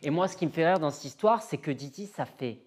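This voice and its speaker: This music artist, appearing as an interview guest, comes from the south of France and speaks with self-assurance, candor and emphasis, repeating phrases for effect. The voice is medium-pitched, expressive and fairly quick, with a breathy edge.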